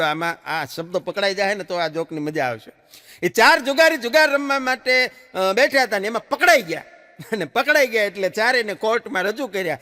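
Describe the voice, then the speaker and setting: Lively stage comic with a hall echo. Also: male voice, sits high. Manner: chatty storyteller, swings his voice up and down for punchlines. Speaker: stand-up comic. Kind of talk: stage joke-telling. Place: live stage show. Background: audience laughter.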